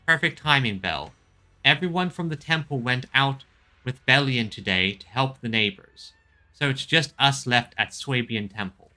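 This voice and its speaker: A man's voice: medium pitch, animated, normal speed, bright, forceful tone. A man giving casual commentary as he plays a game and reads its text aloud, sometimes stumbling over names. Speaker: game player and streamer.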